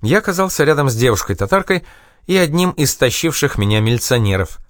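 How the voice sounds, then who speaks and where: A man reading a memoir aloud as an audiobook narrator, in a measured and expressive way. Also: mid-range voice, dry recording, studio quality.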